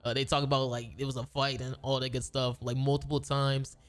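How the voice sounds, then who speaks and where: A man's voice: mid-range voice, level tone, fairly quick, fairly bright tone, clean tone. A man who makes gaming videos tells a long story casually, rambling with slang and restarting his sentences.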